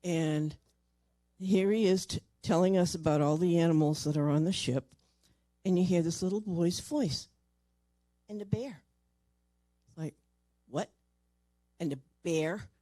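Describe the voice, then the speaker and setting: Paranormal investigator with a mellow voice and dry sound, a lively storyteller who plays the people in the story. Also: medium pitch, unhurried, no echo. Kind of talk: storytelling talk at a convention. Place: convention stage or panel room.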